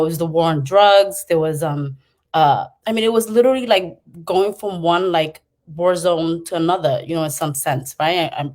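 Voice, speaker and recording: A middle-aged woman from Cambodia tells her story on a panel. Her voice sits on the low side. She speaks with passion, often pausing on fillers and restarting a thought before pushing it through. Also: darkish tone.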